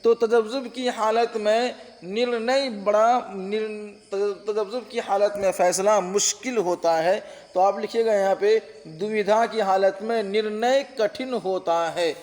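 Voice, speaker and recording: A man's voice: high-pitched, fairly even intonation, measured pace, darkish tone, long reverb tail. A man teaching an online exam-prep lesson on translation, patient, repeating terms and checking that listeners follow. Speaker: Urdu-Hindi translation teacher.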